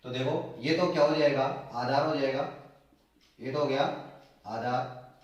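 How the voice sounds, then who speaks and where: A man's voice: mid-range voice, steady tone, unhurried, dull audio. A man teaching a maths lesson at a board, repeating key terms back as questions. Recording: echoey room, voice from a distance.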